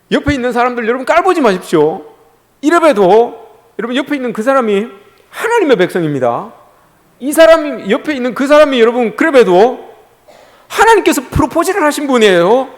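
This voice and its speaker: Animated pastor preaching in a reverberant church. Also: male voice, extremely high pitch, fairly quick. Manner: animated preaching, addresses the congregation directly, often says "여러분". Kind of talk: sermon. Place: church sanctuary. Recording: long church hall reverb.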